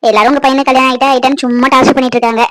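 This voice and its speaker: A woman's voice: high-pitched, flat delivery, a bit bright. A woman playing a proud, status-minded mother-in-law who talks down to her guests and scolds the household. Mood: grudging. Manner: dismissive, scolding, fast-talking. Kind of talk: family drama skit.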